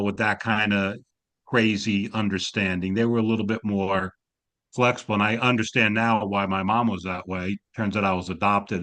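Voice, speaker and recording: A man's voice: lowish voice, fairly bright tone. A man in his sixties with a slight New York accent, telling wry family stories on a video call during a class discussion. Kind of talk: storytelling in a Zoom class discussion.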